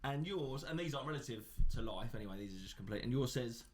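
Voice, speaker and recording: A man's voice: medium pitch, expressive, fast, slight background noise. A man co-hosting a casual podcast, joking, teasing and swearing as he chats with his friends. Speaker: podcast co-host. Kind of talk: casual bantering podcast chat with sponsor read.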